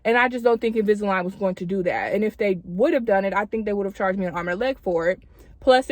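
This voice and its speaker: A woman's voice: mid-range voice, dry recording. A woman chatting casually to camera in informal slang, her speech slightly impeded because she is wearing retainers. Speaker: video creator addressing subscribers.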